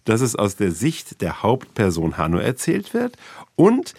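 A man hosting a children's book show on radio, explaining clearly to young listeners. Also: lowish voice, wildly swooping pitch, unhurried, a little mellow, dry recording. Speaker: radio host. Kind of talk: radio program presenting.

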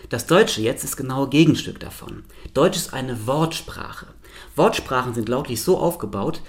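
A man, a linguist, giving a playful science slam talk with lively spoken examples. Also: mid-range voice.

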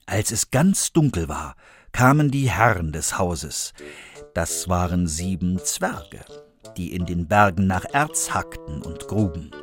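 Expressive male fairy tale narrator. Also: deep voice, takes it slowly, slightly rough, no echo, faint music behind. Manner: expressive, lively storytelling. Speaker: actor reading a fairy tale. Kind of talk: scripted storybook narration for children.

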